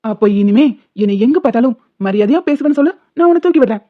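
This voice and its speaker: A woman's voice: high-pitched, animated, fast talker, dry recording. Woman voicing a smug gloating principal. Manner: mocking, gloating. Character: smug teasing male college principal, petty and playful. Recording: tinny phone-like sound.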